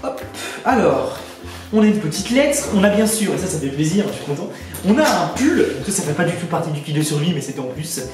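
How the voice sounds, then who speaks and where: Fast-talking eager man in echoey sound. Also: fairly high pitch, very animated. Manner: eager, addresses viewers as friends. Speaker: YouTuber. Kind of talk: casual unboxing chat. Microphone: borrowed headset. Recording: echoey, distant headset sound with music.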